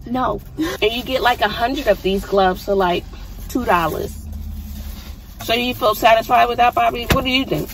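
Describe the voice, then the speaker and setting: A middle-aged woman, a mother, hosts a casual food review vlog from a parked car, chatting, explaining and asking follow-up questions into a phone camera mounted on the dashboard. Her voice sits on the high side at a moderate pace, and the low-quality recording carries slight background noise.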